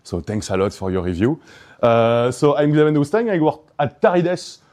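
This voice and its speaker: This conference speaker is from Belgium and has a Belgian French accent. His voice sits on the high side, a little mellow, at a moderate pace, and his eager talk is hesitant, packed with fillers and restarts.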